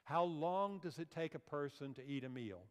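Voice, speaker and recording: An older man's voice, a little high and clean in tone, moves at a moderate pace as he gives a health seminar lecture. Standing on a church auditorium stage, he explains slides and asks the audience questions. Long hall reverb is audible throughout.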